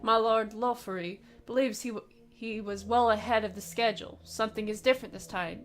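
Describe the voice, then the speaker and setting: A woman reading the lines of a stern, formal male aide in a game, in a measured, lecturing way. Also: fairly high pitch, fairly even intonation, natural voice. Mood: grave. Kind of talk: reading game dialogue aloud.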